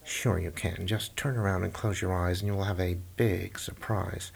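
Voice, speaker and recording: A man voicing a wicked, vain stepmother queen who talks in a low, menacing, hissing way. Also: moderate pace, vocal fry, breathy edge. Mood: sly.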